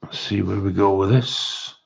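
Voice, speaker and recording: A man with a fairly deep voice hosts a casual livestream. He talks to viewers informally, hesitating and thinking out loud as he goes. The sound is dull and lo-fi. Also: fairly even intonation, a little slow, creaky. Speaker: livestream host.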